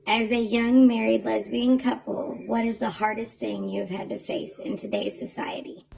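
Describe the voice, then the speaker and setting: A woman's voice: on the high side, flat delivery, moderate pace, vocal fry, darkish tone. A woman casually putting a question to the hosts as a viewer. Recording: noisy clip with room ambience.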